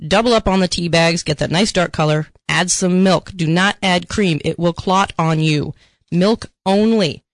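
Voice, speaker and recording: A woman's voice: on the low side, moderate pace, no echo. Chatty, opinionated woman on a dry mic. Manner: chatty, opinionated, playfully bossy. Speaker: podcast co-host. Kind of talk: casual chat.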